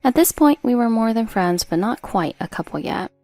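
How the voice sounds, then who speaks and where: A woman reading a first-person drama story as a narrator in a steady storytelling delivery. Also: fairly high pitch, moderate pace, no room sound, soft background music.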